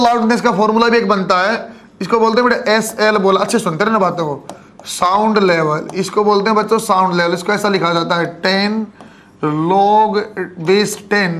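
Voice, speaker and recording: Male physics teacher, Haryanvi Hindi accent, high voice, lecture delivery with frequent check-ins to students. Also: fairly bright tone. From Haryana, India. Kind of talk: classroom lecture.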